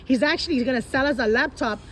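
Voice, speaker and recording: At a public library, a woman is in a heated phone conversation, insistent and emphatic, often repeating herself for weight. Her voice sits high and sounds a bit bright as she speaks fast. Faint background noise can be heard.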